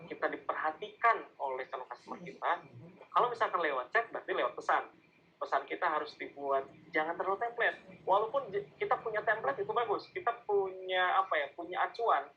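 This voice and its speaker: A man's voice: a little high, muffled recording, slight background noise. A man with an Indonesian accent giving a casual online marketing lesson, often asking his listeners questions and acting out sales calls. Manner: conversational, asks the audience questions, acts out sales calls. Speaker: digital marketing speaker. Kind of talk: online masterclass lecture.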